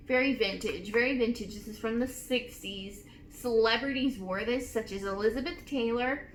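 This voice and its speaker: Young woman, perfume review vlog, slow unhurried talk, echoey room with faint hiss. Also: fairly high pitch, bright, forceful tone. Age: 20s. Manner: gushing and emotional, drawn-out emphasis.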